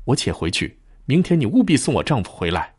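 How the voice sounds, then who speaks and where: A scolding ghost wife from a spoken storybook, as a man puts her on, pitched up and swinging widely in pitch. The voice is husky, and the recording is dry and close. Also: big pitch swings, a little fast, darkish tone, no room sound. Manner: scolding, demanding.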